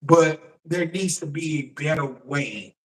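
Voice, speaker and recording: Man, shock jock radio-style host, unhurried, halting, casual news commentary, roomy echo. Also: a little high, fairly bright tone. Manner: halting, repeats words. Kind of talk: live political commentary, casual address to viewers. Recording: roomy echo, distant microphone.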